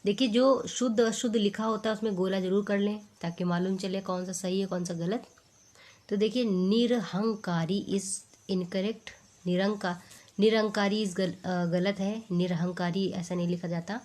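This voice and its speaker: A woman works through a spelling lesson at an unhurried pace, saying each word again and again so it sticks. Her voice is soft and mellow, and she explains each point with patient, step-by-step care. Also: medium pitch, fairly even intonation. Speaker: teacher. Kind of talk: exam-prep spelling lesson.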